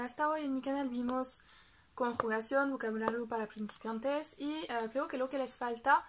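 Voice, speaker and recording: Woman, young, French speaker, unhurried, patient teacher, repeats words, fillers. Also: high voice, a bit bright, a little hiss or hum. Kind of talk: reading lesson, slow explanation.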